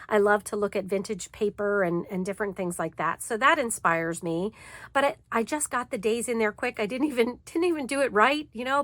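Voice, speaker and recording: A woman with a stuffy, cold-sounding voice hosts a crafting channel, chatting easily with lots of fillers while she shows off a planner layout. Her voice is medium-pitched and fairly bright, recorded with no room sound.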